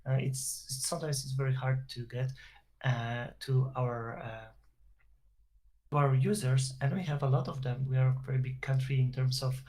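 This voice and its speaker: Polish-accented male guest, mid pitch, talks at length, hesitant restarts, call audio. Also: flat delivery, moderate pace, darkish tone. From Poland. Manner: explains at length with many fillers and restarts. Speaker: interview guest, SEO professional. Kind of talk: casual online interview. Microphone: video call.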